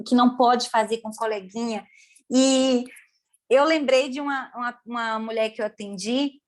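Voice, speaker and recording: A woman's voice: sits high, reverberant. A woman psychologist speaking in a reflective, emphatic way in conversation. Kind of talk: casual conversation.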